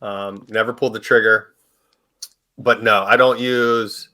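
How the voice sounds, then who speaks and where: A man co-hosting a podcast, talking in a relaxed, hesitant way with many fillers. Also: fairly low pitch, measured pace. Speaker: podcast co-host. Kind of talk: casual chat.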